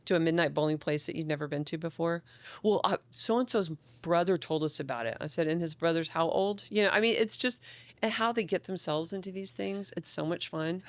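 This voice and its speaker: Woman child psychologist on a podcast, kinda gravelly voice, dry close sound, tells stories all animated and excited. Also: sits low, brisk, no echo. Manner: enthusiastic, animated storyteller acting out quotes. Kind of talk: casual podcast conversation.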